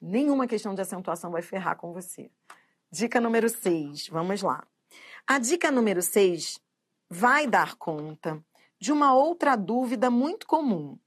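A middle-aged Brazilian woman teaching grammar for exams, quizzing listeners with repeated questions and drawing out key terms slowly. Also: mid-range voice, animated, husky. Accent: Brazilian Portuguese. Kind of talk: exam-prep grammar lesson.

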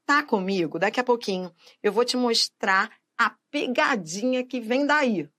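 A woman's voice: on the high side, lively intonation, pushed and bright. A woman teaching Portuguese grammar for exam prep, stretching words out and checking in with the viewer. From Brazil. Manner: didactic, drawn-out syllables, checks in with the viewer.

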